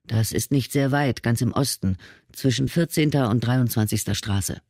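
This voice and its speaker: A man reading an audiobook, voicing a calm male companion who explains things. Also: mid-range voice, normal speed, no room sound, studio quality, close to an everyday voice. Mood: explaining.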